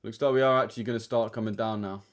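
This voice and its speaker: Jeune homme à l'accent de l'Essex, bavard, voix un peu grave. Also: male voice, on the low side, fairly even intonation, racing. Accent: Essex English. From Essex, England. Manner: slangy, chatty, addresses chat directly. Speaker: trading livestreamer. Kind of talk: casual livestream chat.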